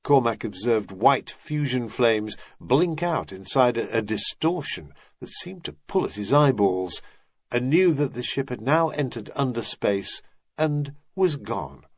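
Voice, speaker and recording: Slow, measured male audiobook narrator. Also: mid-range voice, lively intonation, no echo. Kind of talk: scripted narration.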